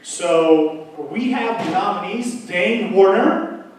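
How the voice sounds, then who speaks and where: A man's voice: sits high, lively intonation, slow, slight background noise. A man in his thirties with a Russian accent, presenting at a live awards show in a rambling, joking way full of fillers. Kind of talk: live stage speech. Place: large theater stage. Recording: echoey theater, distant mic.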